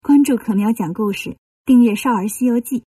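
Woman reading kids stories, kinda high and breathy, dry slightly distant mic. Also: brisk, dark tone, dry recording. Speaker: children's storyteller. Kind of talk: storytelling for children.

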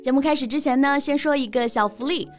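A woman's voice: sits high, fast, soft background music. A young woman co-hosting a casual bilingual chat, playful and joking. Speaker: co-host.

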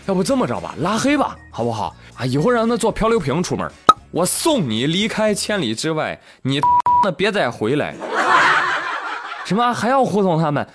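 A man's voice: on the high side, normal speed, over loud music. A man hosting a comic news talk show, telling the stories, acting out each character and laughing often. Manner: animated storytelling, acts out every character in quotes; laughs often while talking.

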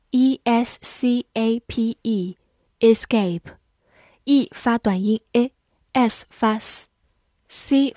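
Slow, clear woman teaching English words. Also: on the high side, a little mellow, no room sound, clean studio sound. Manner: slow, careful spelling and model readings. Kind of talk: scripted vocabulary lesson.

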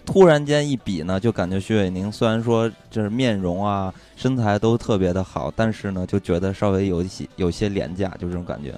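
A man from China co-hosting a casual podcast talk, his voice fairly low. He lays out his points at length in an easy, relaxed way. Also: a little fast, hardly any pauses, faint music behind. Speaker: podcast co-host. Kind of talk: casual chat.

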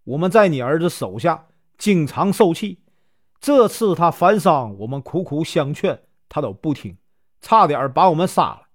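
A man's voice: fairly high pitch, big pitch swings, normal speed. A male storyteller voicing a cunning young officer who urgently coaxes and persuades in a spoken story. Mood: coaxing. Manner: urgent, coaxing.

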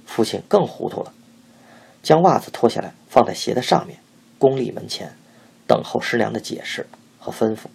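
A man reading a memoir aloud in an expressive storytelling manner. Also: mid-range voice, moderate pace, creaky, breathy edge. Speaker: audiobook narrator.

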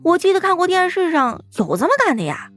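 A woman's voice: extremely high pitch, big pitch swings, quick pace, a bit bright, soft background music, full character voice. A woman voicing a pleading, fawning male talking cat who craves beer, in an audiobook. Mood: casual. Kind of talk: audiobook role-play.

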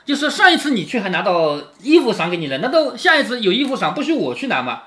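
A man's voice: high-pitched, big pitch swings, quick pace, fairly bright tone. A man reading the lines of a sarcastic young maidservant in a storybook reading, with a mocking, needling manner.

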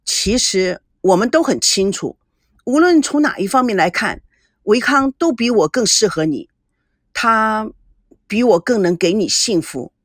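A woman's voice: mid-range voice, expressive, unhurried, no room sound, studio quality. Woman voicing an awkward, guilty young man. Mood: hesitant, defensive. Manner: hesitant, defensive.

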